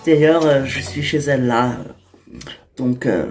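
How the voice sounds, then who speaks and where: A woman's voice: a bass voice, a little slow, over music, pitched below the performer's own voice. A woman voicing a caring woman on the phone who anxiously keeps asking if he is all right. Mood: friendly. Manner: anxious, repeated questions. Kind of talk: toy-figure fan series voice acting.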